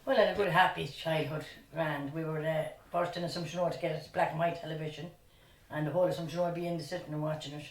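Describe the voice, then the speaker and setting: A woman's voice: low-pitched, fairly even intonation, quick pace, a little hiss or hum. A woman, reminiscing chattily about her youth. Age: 60s. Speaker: interviewee. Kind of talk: casual reminiscing. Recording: echoey room, distant mic.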